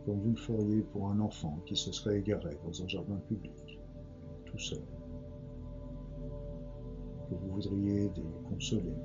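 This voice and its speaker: Homme au ton apaisant de narration de relaxation, son étouffé. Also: male voice, sits low, steady tone. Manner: gentle, hushed, unhurried delivery with long pauses. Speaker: guided meditation leader. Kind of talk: slow, soothing guided relaxation narration, like a sleep story. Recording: dull lo-fi sound with music behind. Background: meditation music.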